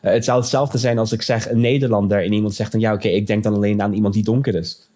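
A man's voice: on the low side, fairly even intonation, fast talker, dark tone. A man guest speaking earnestly in conversation, with hesitation fillers. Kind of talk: casual conversation.

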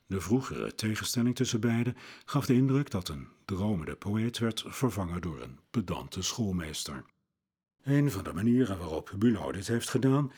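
A man presenting a scripted talk on classical music, in a measured, lecturing way. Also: lowish voice, a little mellow, slightly rough. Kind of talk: scripted narration.

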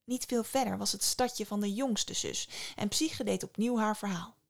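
A woman's voice: medium pitch, normal speed, vocal fry. A woman reading a myth aloud as storyteller, in scripted narration with wry asides.

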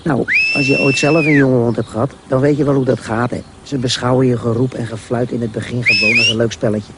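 A man's voice: medium pitch, huge pitch swings, a little fast, very noisy. Man reading a children's story aloud.

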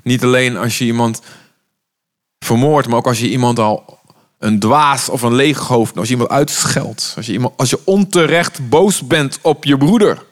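A man's voice: mid-range voice, normal speed. A man from the Netherlands preaching an urgent, impassioned sermon, sometimes voicing the words of Jesus.

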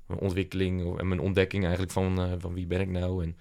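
A man's voice: low-pitched, monotone, quick pace, a little mellow. A young man, an entrepreneur, talking casually in an interview and often hesitating with fillers and restarts. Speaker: entrepreneur guest.

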